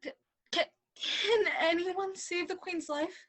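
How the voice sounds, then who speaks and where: A woman's voice: very high voice, fairly even intonation, slow, fairly bright tone, full character voice. A woman playing a melodramatic, childish, doting king in a broad stage comedy, over the top and given to wailing. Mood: wailing panic.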